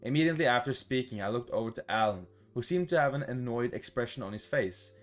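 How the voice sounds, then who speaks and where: For a gaming video, a man with a medium-pitched voice rattles through a visual novel fast, faint music playing behind him. He reads in a casual, expressive, swear-heavy way and adds his own playful reactions.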